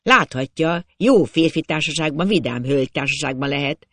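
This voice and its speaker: A man doing a loud arrogant gentleman. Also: a little high, dry recording. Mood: coaxing. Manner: loud, commanding. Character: arrogant young gentleman, forceful and angry.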